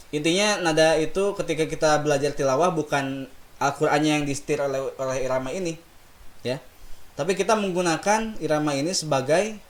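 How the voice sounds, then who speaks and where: A man teaching Quran recitation melody, explaining slowly and patiently and singing sample phrases for students to repeat. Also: fairly high pitch. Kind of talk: recitation lesson with call and response.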